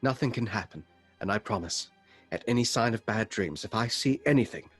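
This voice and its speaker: An actor playing an earnest, solemn doctor who narrates his journal in a measured, dramatic way. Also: lowish voice, expressive, slightly rough, faint music behind. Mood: tender, reassuring. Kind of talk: radio play narration and acting.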